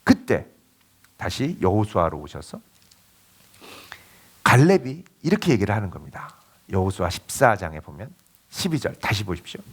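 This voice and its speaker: A man preaching a sermon as a pastor, telling the story with lively acted-out quotes. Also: lowish voice, normal speed, pauses often, breathy edge. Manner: animated storytelling, acting out quoted voices.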